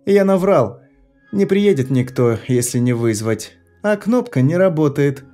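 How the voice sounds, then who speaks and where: Guy doing a screechy spiteful teenage boy in an audiobook, way up high, faint music behind. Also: lively intonation, unhurried, mellow. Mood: cold. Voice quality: shrill, breaks into falsetto. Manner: screaming taunts, mocking simpering put-on voice.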